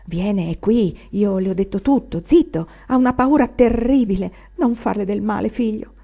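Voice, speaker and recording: A woman reading an audiobook, voicing an anxious old widow who pleads in a hushed, urgent whisper. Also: medium pitch, moderate pace, creaky, muffled recording. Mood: urgente.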